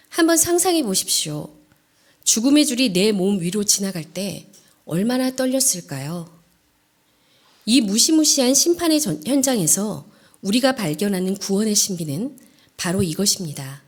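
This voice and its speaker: Woman, evangelist, early morning sermon, very animated pitch, earnest, hushed phrase endings. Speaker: evangelist preaching. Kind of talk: dawn prayer sermon.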